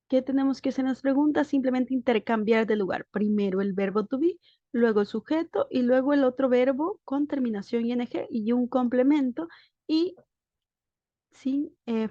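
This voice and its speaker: High in pitch but dark in tone, this woman's voice has no echo as she narrates a grammar lesson on slides. She teaches English step by step and patiently checks comprehension with questions. The screen-recorded voice-over sounds dry, dull, and lo-fi.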